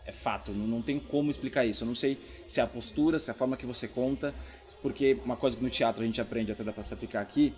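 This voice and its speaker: A man's voice: mid-range voice, very fast, darkish tone. A man with a Brazilian accent, a comedian explaining things casually in an interview, repeating words for emphasis. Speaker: stand-up comedian being interviewed.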